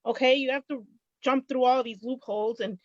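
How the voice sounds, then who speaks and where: A middle-aged woman with a high voice tells her story in a conversational, emphatic way, often repeating phrases and voicing quotes. The recording is dry and slightly muffled. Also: steady tone, a little fast, dry recording. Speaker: small business owner, guest.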